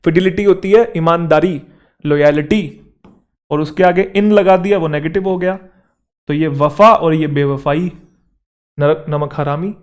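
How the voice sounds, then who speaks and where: A man's voice: on the high side, unhurried, long pauses. A man, teaching an English vocabulary lesson for exam students in Hindi mixed with English words, checking that his students follow along.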